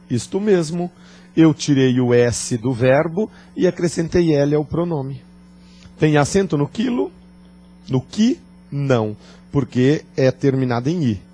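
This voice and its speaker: Slow, mellow-voiced teacher. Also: male voice, on the high side. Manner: deliberate, playful, jokes and quizzes the class. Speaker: Portuguese teacher. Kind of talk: classroom grammar lecture.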